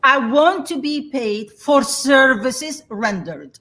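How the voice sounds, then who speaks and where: Animated yet slow, her high-pitched voice has a sharp tone as she talks. This Somali guest in her sixties shares her story frankly in a reflective interview, laughing easily along the way.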